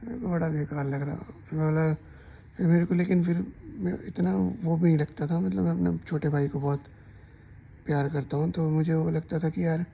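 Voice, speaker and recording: A man tells a story in a loose, rambling way, often doubling back mid-sentence. His voice sits fairly high but barely rises or falls, with a gravelly edge. The recording sounds slightly dull and lo-fi. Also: slight background noise. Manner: rambling, chatty, with restarts and asides. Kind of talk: casual storytime narration.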